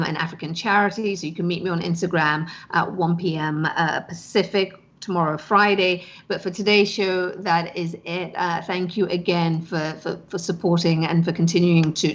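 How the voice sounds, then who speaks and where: A woman hosting a live online news and chat show, talking in a relaxed, conversational way with small fillers. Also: fairly low pitch, dull audio. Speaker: show host.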